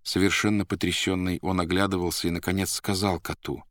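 A man reads a novel aloud in a measured, expressive manner. His voice is very deep, and the recording is dry and close with no room sound. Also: no echo. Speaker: audiobook narrator. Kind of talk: literary audiobook narration.

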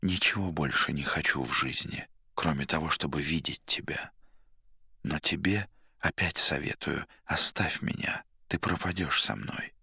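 A man's voice: a bass voice, measured pace, vocal fry, breathy edge, no room sound, studio quality, heavily acted. A man doing a weary, timid writer. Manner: soft, hesitant, resigned. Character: weary, timid middle-aged male writer.

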